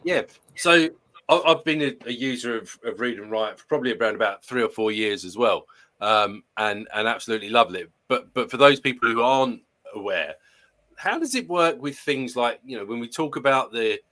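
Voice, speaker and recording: A man with a broad Essex accent chats through a webinar in a bright, forward voice. He talks loosely, restarts his sentences often and jokes at his own expense. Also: medium pitch, a little fast. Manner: chatty, self-deprecating, many restarts. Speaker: language teacher. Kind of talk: casual webinar discussion.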